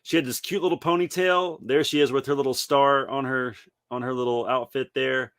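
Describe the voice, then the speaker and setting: A man's voice: medium pitch, fairly even intonation, brisk, a bit bright, clear, resonant tone, no echo, clean studio sound. A man co-hosting a casual podcast, telling loose stories from his past. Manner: reminiscing, loose and storytelling. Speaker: podcast co-host. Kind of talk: casual chat.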